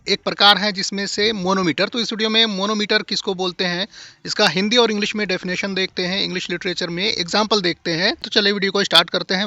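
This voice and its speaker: A man's voice: high-pitched, sharp tone, no echo, highs cut off. A man teaching a lesson, explaining step by step and checking that the listener follows.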